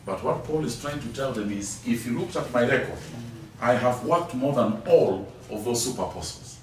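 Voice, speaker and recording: Lively man teaching in an echoey hall. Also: medium pitch, moderate pace. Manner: emphatic, repeats key words, asks rhetorical questions. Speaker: Bible teacher. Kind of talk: classroom Bible teaching. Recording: very echoey hall, distant mic, faint noise.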